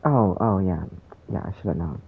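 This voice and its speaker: A man's voice: low voice, lively intonation, normal speed, gravelly, narrow, tinny audio. Joking, profane young gamer man. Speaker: gaming channel host. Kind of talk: casual gameplay commentary.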